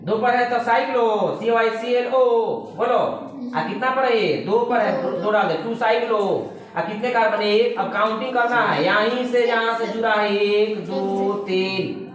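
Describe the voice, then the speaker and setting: A woman tutoring chemistry in a classroom lecture. She spells terms out letter by letter and keeps quizzing her students with quick check questions. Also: a little high. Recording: very echoey classroom with students audible.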